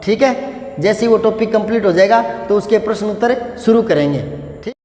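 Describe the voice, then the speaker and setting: Man, Hindi teacher, high-pitched, slow, rhythmic word drill, echoey room. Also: lively intonation, darkish tone. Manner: repeats word pairs in a slow rhythmic recitation. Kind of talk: vocabulary drill lesson.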